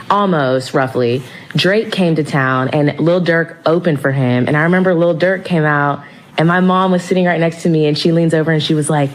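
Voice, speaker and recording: A woman telling a personal story in a chatty way, acting out quoted lines in livelier voices. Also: deep voice. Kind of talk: storytelling monologue to camera.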